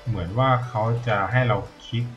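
A man's voice: medium pitch, brisk, lo-fi sound, soft background music. Man rambling through a game tutorial. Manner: rambling, thinks aloud, swears casually. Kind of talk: casual gameplay commentary.

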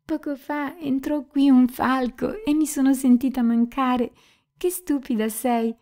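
Passionate young woman in tears, pleading, emotional, mellow higher voice, as a female audiobook reader puts her on. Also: fairly even intonation, measured pace. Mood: tender. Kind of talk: dramatic audiobook reading.

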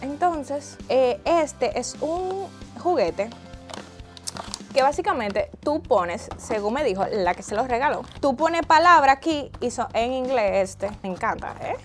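A woman's voice: high-pitched, animated, unhurried, faint music behind. A woman, chatting casually in a vlog as a mother. She gushes and squeals over cute things and drops English words into her speech. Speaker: mother unboxing birthday gifts.

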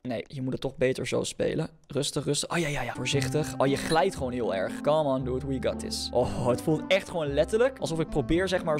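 A young man with a Dutch accent giving casual commentary on his own gameplay, chatty and reacting out loud with yelps and repeated words. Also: a little high. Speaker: gaming YouTuber. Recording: music clearly under the voice.

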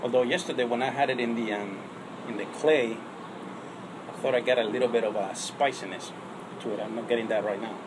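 A man's voice: mid-range voice, steady tone, a little fast, background noise. A man hosting a casual pipe-smoking chat from his balcony, talking with a pipe clenched in his mouth, rambling with lots of fillers. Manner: rambling, chatty, frequent fillers. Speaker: host. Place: outdoors on a home balcony.

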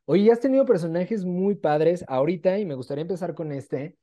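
This young Mexican-accented host has a high voice and a brisk delivery as he runs a laid-back interview on a video call. He's at home in a small room, keeping things mellow, talkative and upbeat.

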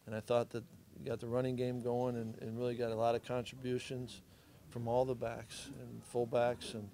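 Middle-aged male coach, flat delivery, mellow tone, postgame presser answers. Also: mid-range voice, moderate pace. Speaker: head football coach.

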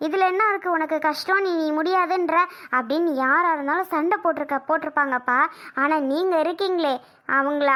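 A woman's voice: extremely high pitch, a bit bright. A girl playing a defiant young daughter in a family skit, arguing with her father in an indignant, insistent way.

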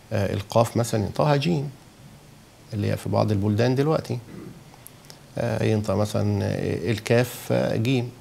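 A man's voice: lowish voice, vocal fry, warm tone, slight background noise. A man with an Egyptian Arabic accent teaching a lesson on letter sounds, often checking that listeners follow and saying the sounds aloud to show them. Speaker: Quran recitation teacher. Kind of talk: explaining a lesson.

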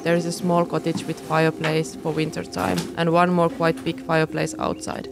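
Out in a forest, a thirtysomething woman jokes her way through a travel vlog of a camping and hiking trip, alternating voice-over and on-camera chat. She speaks with a fairly low pitch and vocal fry, while background music runs beneath her.

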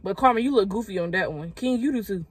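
A woman's voice: medium pitch, lively intonation, fast talker, slightly rough, no room sound. Female co-host, blunt opinionated reaction chat, dry close mic.

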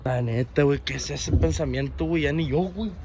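A man's voice: a little high, fairly quick, crowd noise. A young man vlogging outdoors on his phone, rambling in slang and sounding half asleep. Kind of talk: casual vlog. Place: outdoors at a cemetery. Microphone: handheld phone camera.

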